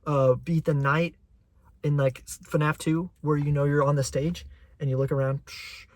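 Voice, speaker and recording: A young man hosting his own channel, chatting casually and excitedly as a fan with a rambling flow. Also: on the high side, normal speed, no room sound. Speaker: channel host. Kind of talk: casual chat.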